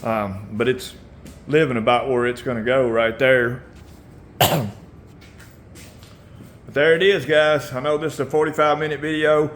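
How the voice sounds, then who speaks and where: A man hosting a casual motorcycle how-to video in his garage, relaxed and rambling, often clearing his throat and coughing. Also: mid-range voice, unhurried, pauses often, slight background noise. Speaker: motorcycle builder and channel host.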